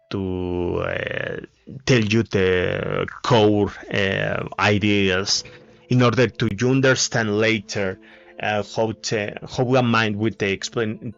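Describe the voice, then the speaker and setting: Spanish-accented man, second-language English, slow and halting with lots of "uh", solo talk on a dull lo-fi mic over faint music. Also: fairly low pitch, fairly bright tone. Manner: halting, many fillers and restarts. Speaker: video essayist. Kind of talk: casual monologue.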